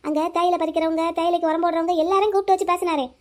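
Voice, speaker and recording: A woman's voice: very high voice, steady tone, very fast. A woman voicing the heroine's nosy, teasing friend in a cartoon, firing off questions. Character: chatty teasing young village girlfriend. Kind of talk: cartoon voice acting.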